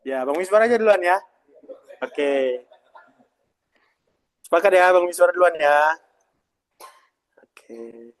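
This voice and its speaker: High-voiced, lively male workshop trainer. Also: a little slow, pauses often. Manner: lively, emphatic, keeps asking the audience for replies. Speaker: presentation trainer. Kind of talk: live workshop teaching. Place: meeting room with a live audience and a video call.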